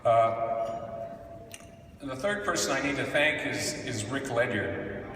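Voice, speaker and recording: A middle-aged man giving an acceptance speech at a podium, speaking haltingly with frequent pauses. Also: mid-range voice, lively intonation, bright, forceful tone. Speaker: award recipient, veteran film editor. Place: large indoor hall at an awards event. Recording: very echoey hall, distant mic, faint noise.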